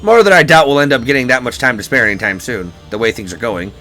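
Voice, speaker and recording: A man's voice: medium pitch, fast talker, bright, forceful tone, soft background music, lightly acted. A man reading out an earnest young hero.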